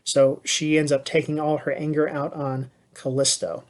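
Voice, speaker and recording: A man's voice: on the high side, level tone, moderate pace. A male teacher retelling a myth to his class in a loose, conversational way, full of fillers and restarts. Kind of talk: casual storytelling lesson.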